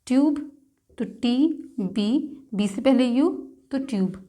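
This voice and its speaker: Female shorthand tutor with a high voice, patient, step-by-step delivery. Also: mellow. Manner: slow, patient, spells out sounds one by one. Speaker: shorthand teacher. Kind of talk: step-by-step instructional lesson.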